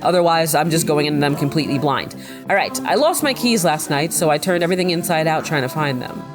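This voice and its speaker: A woman's voice: low voice, lively intonation, fast talker, music in the background. A chatty woman with a slightly congested voice, commenting casually on a game as she plays, reading its text aloud and poking fun at herself. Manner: chatty, self-mocking, often laughing. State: slightly congested from a recent cold. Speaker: gameplay video host.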